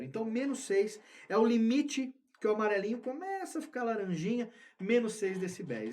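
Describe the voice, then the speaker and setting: Brief: male podcast instructor, high voice, explanatory, repeats points, studio mic. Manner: explanatory, repeats key words for emphasis. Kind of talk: recorded tutorial lesson. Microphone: studio microphone with headphones.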